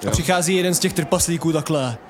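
A man's voice: on the high side, slight background noise. Man narrating as game master.

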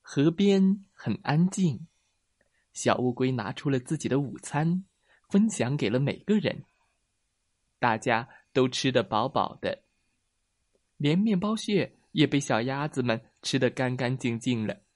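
A man narrating a children's bedtime story in a gentle, sing-song way. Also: medium pitch, animated, a little slow, no echo.

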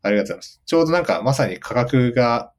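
A man's voice: medium pitch, lively intonation, very fast, background noise. A man hosting a conversational business interview, thinking aloud as he rephrases his questions. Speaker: interviewer, host.

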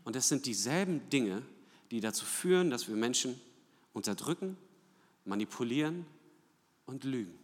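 Lively preacher in a reverberant hall. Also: male voice, mid-range voice, moderate pace, long pauses. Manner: lively preaching with rhetorical questions and tag "ja?". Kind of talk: sermon. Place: church hall. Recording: long church hall reverb.

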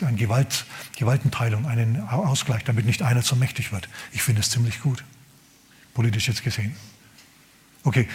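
A male pastor preaching a sermon, telling a story with animated emphasis, repeating words and dropping to whispers. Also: medium pitch.

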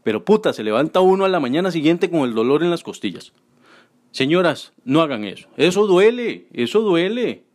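A man tells crude, self-mocking stand-up stories. His voice sits slightly higher than most men's. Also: lively intonation, fairly quick. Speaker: stand-up comedian. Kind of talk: stand-up comedy monologue.

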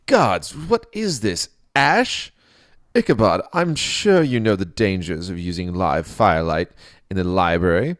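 Man doing a commanding king, low voice, deliberate and imperious, dry sound. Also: animated, no room sound. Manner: measured, imperious, slow deliberate delivery. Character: regal male king, stern and commanding.

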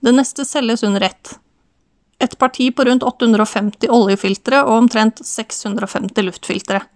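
A man's voice: high-pitched, fairly even intonation, dry recording. A woman as a male auctioneer, Southern Norwegian accent, joking patter, dry room. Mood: wry. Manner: chatty, wry patter.

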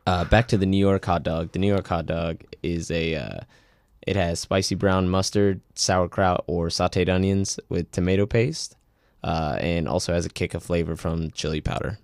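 A young man in his twenties with a low voice, telling rambling food stories in a casual podcast chat. He grows animated when he gets excited, and the close mic keeps the sound dry with no room around it. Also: moderate pace, no echo. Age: 20s. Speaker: podcast co-host.

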